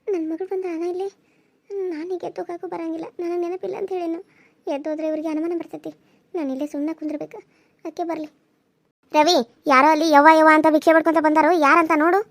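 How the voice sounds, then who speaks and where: A woman voicing a middle-aged village mother who mutters quietly while hiding the truth, with a North Karnataka Kannada accent. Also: high voice, level tone, rapid-fire, no room sound, lightly acted. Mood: secretive. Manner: hushed, muttering.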